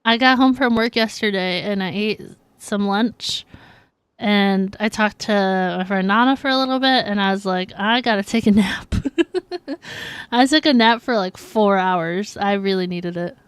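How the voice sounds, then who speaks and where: Playing a video game on a livestream, a woman chats casually with her viewers, laughing easily and reacting playfully. Her voice is medium-pitched, clean and a little slow, with no room sound.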